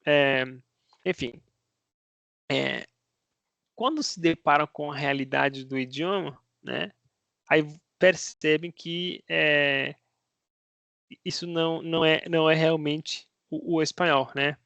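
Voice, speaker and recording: A Spanish teacher with a Brazilian Portuguese accent talks casually to his viewers in an explanatory video, asking himself rhetorical questions and ending lines with "né?". His voice is a little high, steady, creaky, and a bit bright, and he takes it slowly with frequent pauses. The audio is dull, with no room sound.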